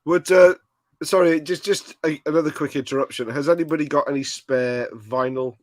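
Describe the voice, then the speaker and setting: A man's voice: on the high side, fairly even intonation, moderate pace, no room sound. A man co-hosting a casual livestream, joking and laughing often as he talks. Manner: laughs often, jokey interruptions. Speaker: co-host.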